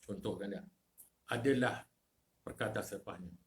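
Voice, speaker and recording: A man with a Malaysian Malay accent giving a lecture in a mosque as a religious teacher, putting rhetorical questions to the congregation and swinging between loud emphasis and low asides. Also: normal speed, a little hiss or hum.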